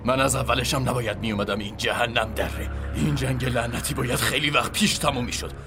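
A man's voice: mid-range voice, natural voice. An actor playing a bitter, defiant male soldier in a dubbed war drama. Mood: furious. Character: fed-up male soldier, angry and scared. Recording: music playing behind the voice.

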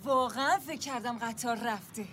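A woman dubbing a brisk, commanding friend of the family into Persian. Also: fairly high pitch, a bit bright, a little hiss or hum, close to an everyday voice. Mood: relieved. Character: bossy, distrustful woman friend. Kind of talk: Persian film dub.

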